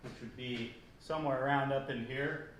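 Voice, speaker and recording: A man's voice: mid-range voice, steady tone, normal speed, fairly bright tone. Man, casual how-to vlog, step-by-step explaining, echoey workshop, faint background noise. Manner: plain explaining, walks through each step. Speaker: rancher and welder showing a shop project.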